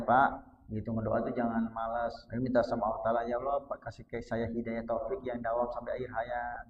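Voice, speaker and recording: Man preaching in an echoey prayer hall. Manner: conversational, keeps addressing listeners as "Pak"; swings from soft low asides to loud high emphasis. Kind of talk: casual mosque sermon. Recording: echoey, distant, dull-sounding mic.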